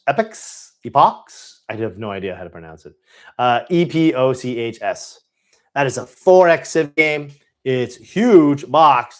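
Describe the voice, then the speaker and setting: A man hosting a casual live-stream question-and-answer session, speaking with eager enthusiasm. He rambles freely and often stops to correct himself mid-sentence. His voice sits at an ordinary middle pitch. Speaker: host.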